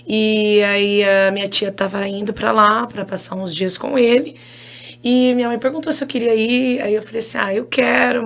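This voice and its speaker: A woman with a Brazilian Portuguese accent, an English teacher telling stories as a podcast guest in an animated, chatty way. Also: mid-range voice. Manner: animated, chatty, laughs often, addresses listeners as "gente". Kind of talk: casual interview storytelling.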